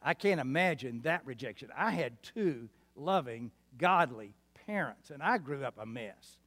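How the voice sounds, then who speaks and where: A man in his seventies, with roots in Arkansas, New Mexico and West Texas, preaches a sermon in a West Texas twang. He's folksy and emphatic, asking the congregation for responses, and his medium-pitched, fairly bright voice is expressive and unhurried in a reverberant hall.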